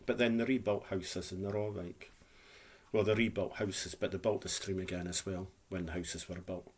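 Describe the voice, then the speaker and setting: This Scottish vlogger in his fifties speaks from Dundee with a low, breathy-edged voice, fairly even intonation and normal speed. His chat is casual and plain but wanders and repeats itself, and he pronounces r as w because of a speech impediment.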